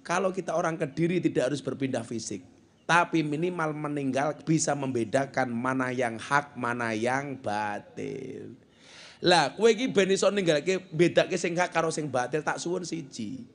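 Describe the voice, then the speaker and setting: A man preaching a humorous sermon, mixing in jokes and acting out the people in his stories. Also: a little high. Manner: joking, mixes Javanese with Indonesian, acts out the people in his stories. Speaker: Islamic preacher. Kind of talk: humorous sermon at a religious gathering.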